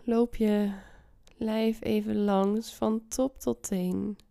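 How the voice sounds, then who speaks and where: A woman guiding a meditation softly and soothingly, half whispering close to the ear, slowly and with long pauses. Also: medium pitch, level tone, gravelly, smooth, dry recording. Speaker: meditation podcast host. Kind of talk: guided meditation.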